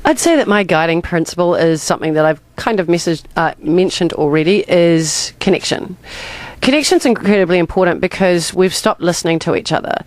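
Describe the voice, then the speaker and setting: A woman's voice: fairly low pitch, animated, fairly quick, dry recording. A woman with a broad Kiwi accent from New Zealand, talking conversationally as a radio interview guest. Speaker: interview guest, communication coach.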